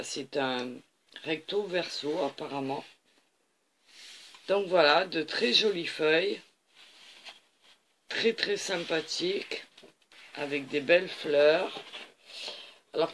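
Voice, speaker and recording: A man's voice: a little high, a bit bright, a little hiss or hum. A man hosting a craft channel, leafing through a paper pad on camera and gushing over each page with repeated little compliments and fillers.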